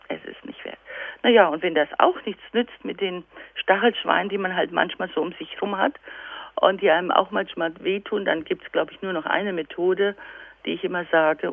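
A woman speaks as a guest on a radio program, her voice coming through a thin, phone-like line with a dry, close sound. Her tone has a gravelly edge. She tells stories with energy and plays both sides of the conversations she describes. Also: lowish voice, normal speed, no echo. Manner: lively storytelling, acts out dialogues. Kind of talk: radio interview.

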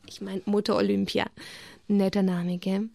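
A woman teaching children about faith and reading them a story, gentle and often dropping to a whisper. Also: mid-range voice, little pitch movement, moderate pace, creaky, no echo, clean studio sound. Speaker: catechist for children. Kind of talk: children's religious instruction and storytelling.

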